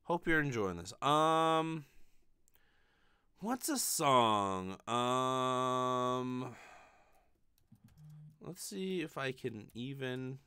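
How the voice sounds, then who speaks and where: Recorded indoors in his bedroom, right up on a studio condenser mic, this thirtysomething vlogger and amateur ukulele player talks to viewers in a rambling, self-mocking, profanity-heavy way. His medium-pitched voice is bright, forceful and clean, with lively intonation, delivered very slowly with frequent pauses. The recording is dry, with soft background music.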